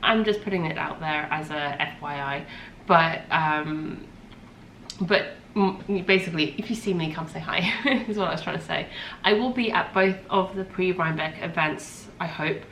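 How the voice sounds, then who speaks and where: Low-voiced and a bit bright, this woman in her thirties speaks at a moderate pace while hosting a casual podcast chat. A slight cold congests her as she rambles chattily, often saying um and correcting herself, in an echoey room with faint background noise.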